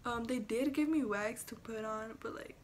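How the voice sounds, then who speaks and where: A woman's voice: fairly high pitch, normal speed, slight background noise. Rambling young woman with braces. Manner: rambling, frequent fillers and self-corrections, casual swearing. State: speaking with braces. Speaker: vlogger. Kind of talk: casual vlog chat.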